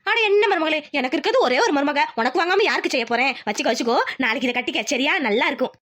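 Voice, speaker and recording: A woman's voice: sits high, fairly bright tone. Bossy village mother-in-law, voiced by a woman. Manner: bossy, quick and insistent. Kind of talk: cartoon voice acting.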